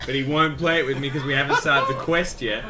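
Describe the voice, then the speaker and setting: A man's voice: mid-range voice, steady tone, fast talker, pushed and bright. A man in casual gaming stream banter, playfully pleading with his friends. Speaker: co-host.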